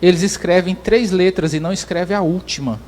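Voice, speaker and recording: Male pastor, sermon, high voice, explains step by step with frequent restarts. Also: fairly quick, darkish tone. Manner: explanatory preaching with many restarts.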